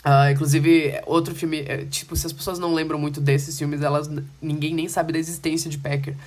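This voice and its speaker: A man's voice: a little high, flat delivery, fairly quick. Enthusiastic Brazilian man chatting about films. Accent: Brazilian Portuguese. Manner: enthusiastic, informal. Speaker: film podcast co-host. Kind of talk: casual film discussion.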